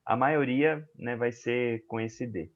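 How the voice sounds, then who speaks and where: A man's voice: mid-range voice, fairly even intonation, slow pace, highs cut off. A Brazilian man in a class discussion, thinking aloud in a tentative way. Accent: Brazilian Portuguese. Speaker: student.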